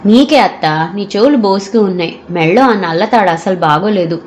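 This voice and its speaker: Woman doing a sweet patient daughter-in-law, soft coaxing tone, audio story. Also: medium pitch, expressive, moderate pace, slight background noise, close to an everyday voice. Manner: coaxing, gentle. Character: caring young daughter-in-law, gentle and patient.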